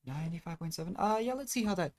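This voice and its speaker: A streamer races through self-deprecating commentary in an animated, slightly mellow mid-range voice. It's a casual gameplay livestream with game music in the background.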